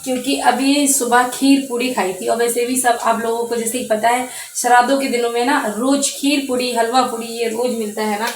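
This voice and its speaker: A young woman talks straight to her viewers in a relaxed home vlog, wandering from one little story to the next with plenty of fillers. Her voice sits a little high. The room around her is echoey, like a bare kitchen at home. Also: normal speed, a little hiss or hum. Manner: chatty, rambling storytelling with many fillers. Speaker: vlogger. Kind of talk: casual home vlog chat.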